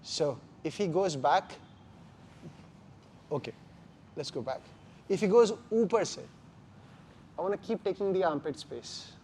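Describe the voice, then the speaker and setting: A man's voice: sits high, expressive, unhurried, long pauses, warm tone, a little hiss or hum. A man with an Indian accent teaching a martial arts class, speaking emphatically in short, repeated phrases. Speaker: jiu-jitsu instructor.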